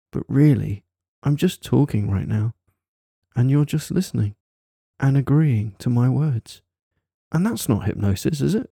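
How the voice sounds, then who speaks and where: Very dark, soft male voice, right in your ear. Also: medium pitch, slightly rough, no room sound, clean studio sound. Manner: coaxing, teasing, praising, with tag questions. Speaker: hypnosis audio performer. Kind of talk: intimate hypnosis ASMR monologue. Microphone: close microphone, dry sound.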